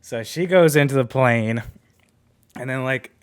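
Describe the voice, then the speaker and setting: A man's voice: medium pitch, a little slow, clear, resonant tone. A man co-hosting a podcast, casually telling a rambling story full of filler words. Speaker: podcast co-host.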